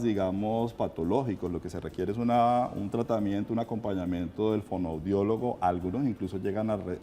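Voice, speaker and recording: A man explaining voice and diction exercises in a calm, measured, instructive way in a TV studio chat. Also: fairly low pitch. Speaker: voice coach guest on a morning show.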